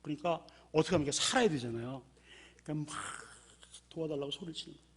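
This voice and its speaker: A man's voice: a little high, quick pace, husky. A man preaching a sermon as pastor, telling stories and acting out the characters' desperate cries. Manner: acts out characters' cries in a raised voice. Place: church sanctuary.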